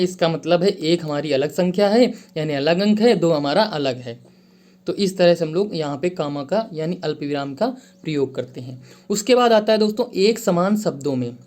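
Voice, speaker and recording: A man gives a grammar lesson to his viewers in a somewhat high voice. He repeats key phrases and often addresses his listeners as friends. He slows down when he reads out example sentences. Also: darkish tone. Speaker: teacher.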